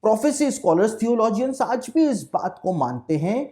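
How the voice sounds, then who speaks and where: Male pastor preaching on prophecy, soft dark tone, says everything twice to make sure it lands. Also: sits high, very animated. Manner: deliberate and explanatory, restating each point twice. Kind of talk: preaching-style Bible prophecy talk.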